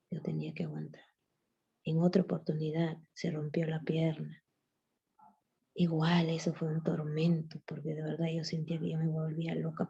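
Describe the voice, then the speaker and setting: A middle-aged woman gives an earnest, halting faith testimony and calls her listeners sisters. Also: fairly low pitch, creaky, mellow, breathy edge, lo-fi sound. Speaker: guest giving testimony.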